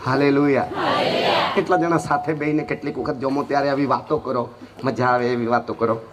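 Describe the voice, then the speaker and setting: A male pastor from Gujarat preaching a sermon, firing questions at the congregation and moving between low asides and sudden shouts. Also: brisk, a crowd in the background, background noise. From Gujarat, India. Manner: lively preaching, quizzing the congregation with "Hallelujah" and "Hey?". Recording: distant mic with loud room ambience.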